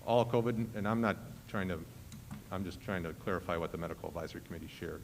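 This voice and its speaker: Male school official, deep, halting and explanatory, echoey meeting hall. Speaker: school official advising the board. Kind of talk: meeting discussion. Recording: echoey hall with faint noise.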